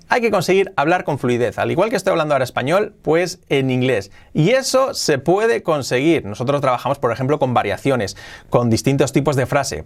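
A man from giving an energetic online lesson as an English teacher, punching out each numbered tip. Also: mid-range voice.

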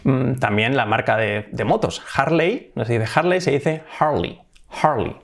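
A man from Spain with a Spanish accent, teaching English pronunciation in a casual lesson, repeating words slowly and chuckling now and then. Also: medium pitch, vocal fry. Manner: lively, repeats words with drawn-out emphasis, chuckles.

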